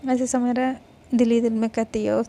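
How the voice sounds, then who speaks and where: A woman's voice: on the high side, level tone, normal speed, dark tone. A woman from India casually narrating a romance story, improvising the retelling and mixing English words into her speech.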